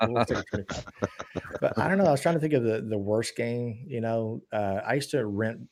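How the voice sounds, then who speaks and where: A man's voice: mid-range voice, fairly quick. A man in his forties, a guest on a live stream, talking in a rambling way full of "you know" and "uh". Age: 40s. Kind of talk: casual chat on a live stream.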